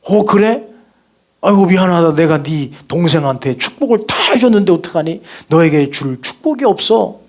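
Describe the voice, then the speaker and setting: A man voicing an elderly blind father, speaking gruffly and like a parent. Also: sits high, expressive, moderate pace. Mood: apologetic. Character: old blind father, doting on elder son.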